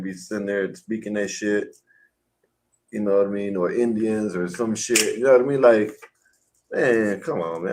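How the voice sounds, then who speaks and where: A man's voice: lowish voice, darkish tone, poor audio. Blunt, ranting man on a panel. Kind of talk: casual livestream panel chat. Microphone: home mic on a video call.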